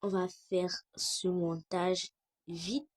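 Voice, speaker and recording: A woman playing a young woman filming a home vlog in secret, in an amateur web drama, with a halting delivery full of restarts. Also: lowish voice, level tone. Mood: muttering, hurried. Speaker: vlogger.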